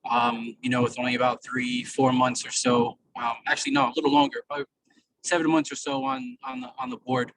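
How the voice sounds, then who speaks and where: A man's voice: mid-range voice, brisk, gravelly. A man on a speakerphone call from his car while driving, introducing himself to a board meeting, hesitant and full of fillers. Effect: speakerphone call from a moving car. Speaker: community board member. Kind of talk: casual video-meeting introduction. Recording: distant noisy car speakerphone.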